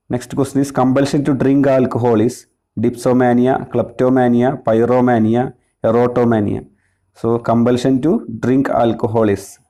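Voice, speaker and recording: Man, warm mellow tone, tutor reading out quiz options and explaining answers. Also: mid-range voice. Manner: reads options in a list, then explains plainly. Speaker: nursing exam tutor.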